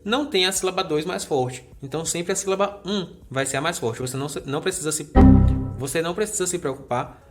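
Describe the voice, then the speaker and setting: A man's voice: fairly high pitch, fast talker, over loud music. A man teaching a recorded grammar lesson. He explains step by step in a friendly way and checks in with the viewer often.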